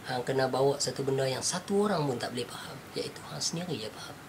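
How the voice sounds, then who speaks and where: A man's voice: medium pitch, fast, background noise. A man with a Northern Malaysian Malay accent, telling a spiritual teaching story in a casual chat, acting out the people he quotes and laughing often.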